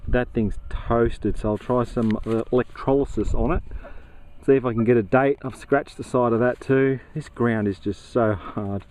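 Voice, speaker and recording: An Australian man talks in a chatty, slangy way as he narrates his own outdoor hunt. His voice sits at an ordinary middle pitch. A faint hiss of open-air noise runs underneath. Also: fairly even intonation, moderate pace, darkish tone, low-quality recording. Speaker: metal detecting vlogger. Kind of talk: casual narration while detecting. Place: outdoors in a grassy paddock.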